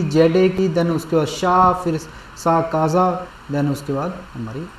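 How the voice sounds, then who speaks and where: A man teaching a class, speaking slowly, repeating each word and checking that students follow. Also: on the high side. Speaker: language teacher. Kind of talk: classroom lesson. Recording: roomy, distant mic, faint background noise.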